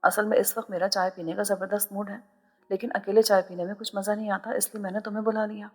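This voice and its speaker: A woman voicing a confident, teasing young man in an audio novel, relaxed but pointed. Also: medium pitch, long reverb tail, faint music behind, lightly acted. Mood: probing.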